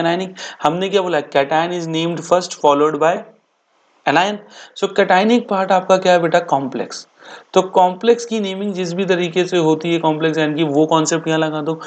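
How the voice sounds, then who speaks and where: Man, chemistry teacher, exam revision lecture, asks and answers his own questions, slow repeated key words. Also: a little high. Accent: Hindi-speaking Indian. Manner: rhetorical questions answered himself; addresses students as beta and bhaiya.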